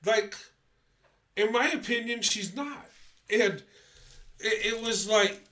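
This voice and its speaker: A congested man with a stuffy nose hosts a casual livestream, rambling hesitantly with plenty of fillers and restarts. His voice sits high and sounds pushed and bright, and he speaks slowly.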